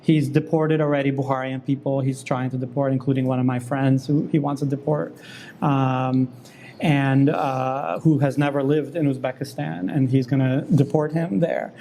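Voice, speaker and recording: A man in the guest seat of an interview, arguing his case insistently and quickly, often cutting in. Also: medium pitch, fairly even intonation, creaky, warm tone, a little hiss or hum. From New York. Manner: fast, insistent, interrupts and argues back. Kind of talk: heated political debate.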